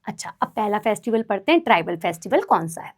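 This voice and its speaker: A woman's voice: medium pitch, very animated, fast. A woman teacher giving an online class lecture, explaining step by step, mixing in English terms and checking in with students often. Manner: chatty, addresses students as "मेरे भाई".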